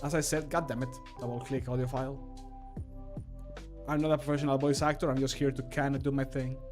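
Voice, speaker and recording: This time the streamer and amateur voice actor sounds medium-pitched, somewhat dark and flat, talking fairly quickly. He's still chatting casually on a livestream while working, joking and swearing, with music playing in the background.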